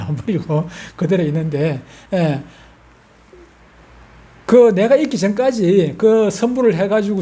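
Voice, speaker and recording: Older Gyeongsang pastor, folksy preacher who quizzes his flock; mellow, dark tone. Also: high voice. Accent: Gyeongsang Korean. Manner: folksy, asks the congregation questions. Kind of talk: sermon.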